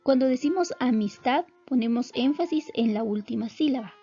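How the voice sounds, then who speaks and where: Female teacher, slightly high voice with a gravelly edge, soft music behind, dull lo-fi sound. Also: animated. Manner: clear, measured explanatory delivery. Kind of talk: recorded classroom lesson.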